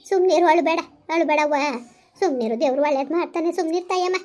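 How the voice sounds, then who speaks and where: A woman's voice: very high-pitched, fast talker. A woman playing a soothing village woman. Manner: soothing, gentle, repetitive hushing. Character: soothing village woman calming a crying mother. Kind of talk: village comedy skit acting.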